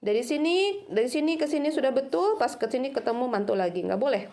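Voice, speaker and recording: A woman teaching students Quran recitation, speaking patiently and slowly drawing out each sound to demonstrate it. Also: high voice, lively intonation, a little mellow. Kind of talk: recorded lesson for students.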